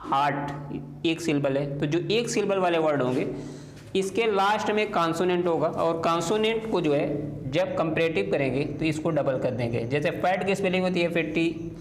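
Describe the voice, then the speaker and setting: Man teaching grammar slowly, letter by letter. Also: a little high, reverberant, slight background noise, rough recording. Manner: slow, step-by-step, spelling out letters. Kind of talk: explaining English grammar in a lesson.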